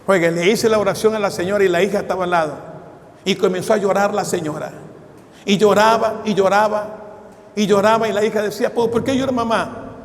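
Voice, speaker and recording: A man's voice: high-pitched, fairly even intonation, fairly quick. A man, preaching a fervent sermon as a pastor and telling stories with quoted dialogue. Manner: fervent preaching, addresses listeners as brother. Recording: long hall reverb.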